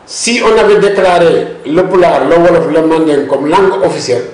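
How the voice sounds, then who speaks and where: Fairly high-pitched, a bit fast and slightly mellow, this man is a language policy expert guest in a discussion interview. He explains things at length, pushes his points, and often interjects with repeated words. The room sounds roomy and echoing.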